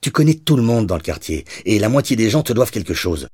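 A man's voice: fairly low pitch, very animated, fast talker, darkish tone, husky, no room sound, studio quality, pitched above the performer's own voice. A man voicing a blunt, insistent female police detective in an audiobook.

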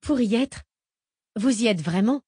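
A woman reading the part of a fugitive woman FBI agent, calm, patient and quietly menacing. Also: a little high, unhurried, husky, no echo, clean studio sound, voice pushed up. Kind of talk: audiobook character reading.

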